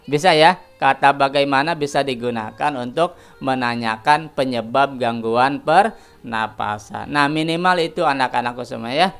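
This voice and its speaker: A man teaches a recorded lesson for young pupils, speaking in a gravelly yet smooth, resonant voice. He throws questions to the class, answers them himself and keeps addressing the pupils as his children. Faint music plays softly behind him. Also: mid-range voice. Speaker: primary school teacher.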